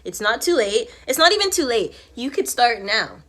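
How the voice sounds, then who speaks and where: A young woman vlogger chatting casually to viewers while she does her makeup, animated and candid, slipping into whispered asides. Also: on the high side, moderate pace. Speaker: beauty vlogger.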